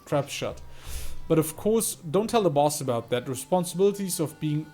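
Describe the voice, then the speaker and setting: A man voicing a cool, loyal male mercenary biker in a game, calm and tough. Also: a little high, normal speed, faint music behind. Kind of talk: reading game dialogue aloud.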